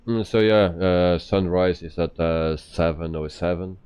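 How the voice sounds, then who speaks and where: Very deep, slow-talking man streaming, dull sound. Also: flat delivery, a little mellow, clean tone. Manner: hesitant, explaining step by step. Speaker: flight simulator live streamer. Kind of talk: casual game commentary.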